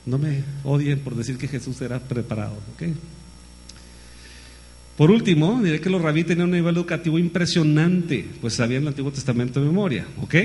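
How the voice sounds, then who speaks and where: A man delivers a sermon in an even, mid-range voice, leaning on rhetorical questions and calling his listeners brother. His delivery is lively and direct, with a faint hum behind him. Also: medium pitch. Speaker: preacher.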